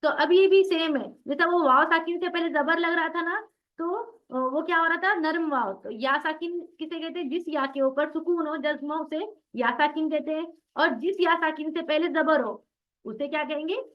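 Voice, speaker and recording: High-voiced woman drilling tajweed syllables. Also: dull audio. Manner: asks questions and answers them herself; drills syllables slowly, one by one. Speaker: Quran recitation teacher. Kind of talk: online tajweed class.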